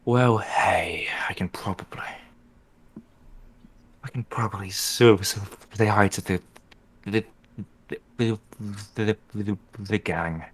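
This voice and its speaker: A man playing a weary, betrayed adventurer in tabletop role-play, speaking in a halting, wry way. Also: on the low side, husky. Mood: halting, resigned.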